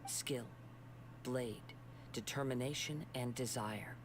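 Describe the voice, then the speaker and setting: A man playing a gentle young wandering samurai in an anime video game, speaking in a measured, formal and softly serious way. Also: medium pitch, natural voice. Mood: calm, assured. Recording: noisy game audio over a stream.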